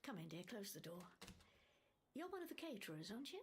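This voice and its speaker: A woman's voice: medium pitch, very animated, fast talker, slight background noise, close to an everyday voice. An actress playing a wry older woman, lady of a grand house, speaking with dry, genteel teasing. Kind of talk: audio drama acting.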